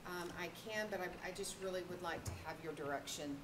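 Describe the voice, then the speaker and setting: A district staff member presents to a school board at a public meeting, her low-leaning voice a little fast but hesitant, often stopping for ums. The meeting room sounds echoey and noisy.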